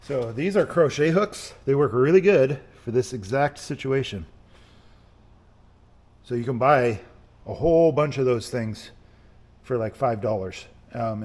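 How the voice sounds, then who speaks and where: A man with a medium-pitched, slightly mellow voice, a hobbyist car mechanic who hosts a channel, talks through a casual hands-on how-to as he works. He thinks aloud and hesitates now and then. The room is noisy, and his voice drifts away from the mic.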